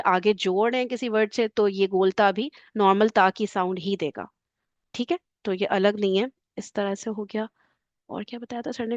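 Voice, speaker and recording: A woman's voice: medium pitch, no echo. A woman teacher patiently recapping a grammar class, often checking that students follow. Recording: dull lo-fi voice.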